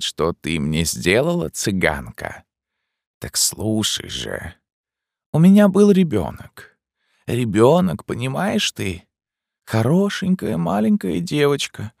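A man voicing a raving, grieving middle-aged recluse mother in an audiobook, slow and bitter. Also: on the low side, gravelly, no echo, clean studio sound, pitched above the performer's own voice, exaggerated voice. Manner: slow, bitter and frantic by turns. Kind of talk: audiobook character voice.

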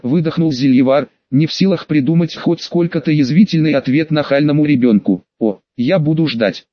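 A man's voice: on the high side, no room sound, lo-fi sound. Man reading an audiobook, dry sound. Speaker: audiobook reader. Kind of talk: audiobook narration.

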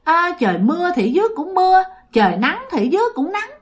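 A woman voicing a gentle male ghost of a tortured man who moans about his pain. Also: very high-pitched, sing-song, quick pace, voice pushed up. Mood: weary. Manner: plaintive, complaining of pain.

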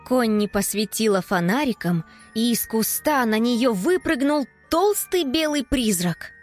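A woman narrating a children's audiobook in an expressive storytelling manner. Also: a little high, unhurried, soft background music.

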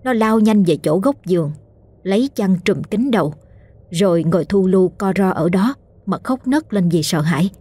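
A woman narrating a scripted ghost story in a steady, measured storytelling manner. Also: mid-range voice, slightly rough.

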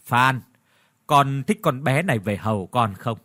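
A man's voice: mid-range voice, lively intonation, unhurried, pushed and bright. A man voicing a stern, imperious older mistress of a rich household who talks down to her servants in an audio story. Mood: commanding.

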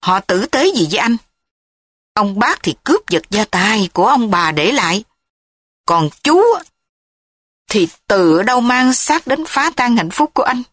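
A woman's voice: medium pitch, normal speed, fairly bright tone, slightly rough, dry recording, studio quality. Woman reader doing hurt young husband in an audio story, bitter, emotional.

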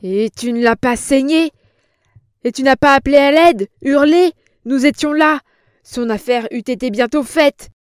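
A woman's voice: mid-range voice, steady tone, normal speed, no room sound, clean studio sound, lightly acted. A woman voicing a brutal, scheming male villain who barks harsh orders. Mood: furious, brutal.

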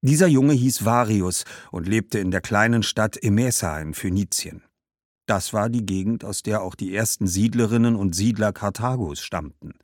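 A man narrating a history story for an audiobook, with expressive, lively storytelling. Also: lowish voice, normal speed, no echo, studio quality.

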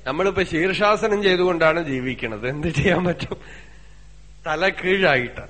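High-voiced Malayali man giving a spiritual discourse. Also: a bit bright, in a large hall. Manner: conversational storytelling with rhetorical questions; slow chanting of Sanskrit verses. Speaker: spiritual teacher. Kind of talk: religious discourse.

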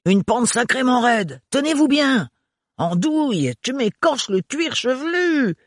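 A man's voice: extremely high pitch, big pitch swings, a little slow, no echo, clean studio sound, pitched above the performer's own voice, exaggerated voice. A man voicing a big, good-hearted male servant with blunt, folksy working-class speech. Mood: hearty.

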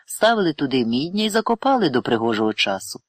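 A man's voice: mid-range voice, big pitch swings, fast talker, dry recording, studio quality. A man voicing an earnest, proud young village lad giving solemn testimony in a read story.

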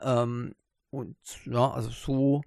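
A man's voice: mid-range voice, level tone, takes it slowly, gravelly, darkish tone, no room sound, clean studio sound. A man hosting a casual tech news podcast, talking with many hesitant fillers. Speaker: podcast host.

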